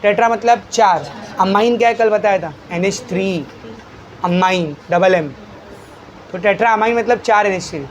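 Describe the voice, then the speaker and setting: A high-pitched male chemistry teacher lectures at a measured pace; the recording has its highs cut off and some slight background noise. He quizzes the class, answers his own questions, and coaxingly calls the students "beta."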